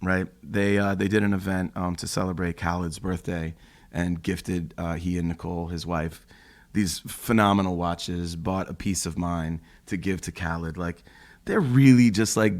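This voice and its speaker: A man on a podcast as a guest, chatting casually and telling animated stories, acting out what people said and laughing often. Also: low voice, normal speed. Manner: animated storyteller, acts out quotes, laughs often. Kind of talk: casual chat. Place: apartment room.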